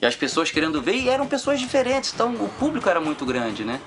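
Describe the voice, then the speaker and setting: A Brazilian man speaks in a casual, anecdotal interview style. His voice sits a little high, and music plays clearly underneath. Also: big pitch swings, fast talker, fairly bright tone. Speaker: interviewee from a circus wrestling family.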